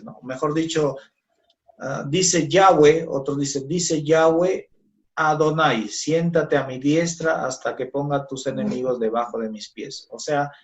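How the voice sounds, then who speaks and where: A man teaches a Bible class in a slow, unhurried way, with a voice that sits a little high for a man. He keeps checking in with the class as he goes. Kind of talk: Christology class.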